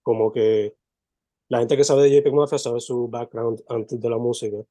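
Guy hosting a podcast, mellow dark voice, super chill, dry close mic. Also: medium pitch, moderate pace, no echo. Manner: relaxed, loose, code-switching between languages. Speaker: podcast host. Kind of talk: casual interview, mixing Spanish and English.

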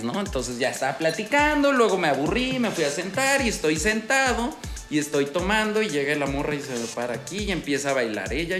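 Un hombre joven con acento mexicano cuenta una historia de ligue en tono casual y lleno de jerga, hablándole al oyente como a un compa. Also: male voice, fairly high pitch, a bit bright. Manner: slangy, streetwise, addresses listener as buddy. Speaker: dating advice host. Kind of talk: casual storytelling monologue.

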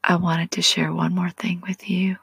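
Woman, 40s, low gravelly whisper, gentle devotional ASMR-style guide. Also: level tone, no room sound. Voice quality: breathy whisper. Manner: slow, soft and prayerful, speaks directly to the listener.

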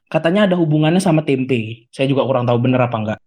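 A man's voice: medium pitch, animated, quick pace, darkish tone. A man bantering playfully, full of teasing innuendo, in an improvised comedy skit.

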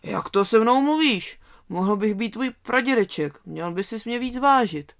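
Old toothless wolf grumbling away, gravelly, a bit raised voice, read by a storyteller. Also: medium pitch, expressive, pitched above the performer's own voice.

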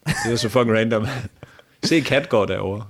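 Man, podcast co-host, casual chat, swears freely, laughs often. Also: lowish voice.

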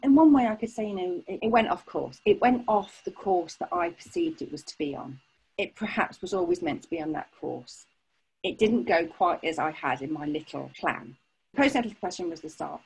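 A woman speaking as a podcast guest, telling her own story in a frank, emphatic and animated way. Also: on the low side, normal speed, slightly rough, low-quality recording. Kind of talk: candid personal storytelling.

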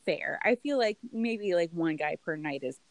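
A woman co-hosting a casual chat, recapping a TV show in an animated, giggly way with some swearing. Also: lowish voice, normal speed, dry recording. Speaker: podcast co-host.

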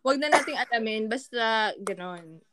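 A woman's voice: fairly high pitch, lively intonation, moderate pace, a bit bright, no echo. A Filipino woman in casual chat, telling fun facts in a playful, giggly way. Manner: giggly, playful, mimics goat bleats. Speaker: co-host sharing fun facts.

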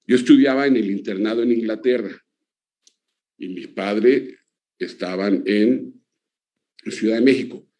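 Low-voiced older man telling his story. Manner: relaxed, many "eh" and "pues" fillers. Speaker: interview guest. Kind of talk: casual conversational answers.

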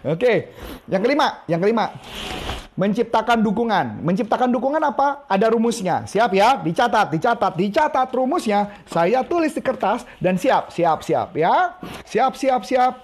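A man's voice: high-pitched, very animated, normal speed. A man coaching a live-streamed training session, chatty and teasing, who repeats each instruction several times. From Indonesia.

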